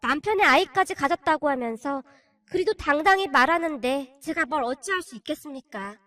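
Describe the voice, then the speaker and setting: Very high-voiced woman narrating a confession. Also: animated, fairly quick, bright, forceful tone, no echo, clean studio sound. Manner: emotional, confiding. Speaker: storyteller reading a submitted life story. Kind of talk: scripted first-person narration.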